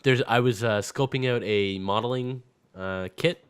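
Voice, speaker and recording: A man's voice: mid-range voice, normal speed, clean tone. A man co-hosting a casual gaming podcast, joking and swearing in banter. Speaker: podcast co-host.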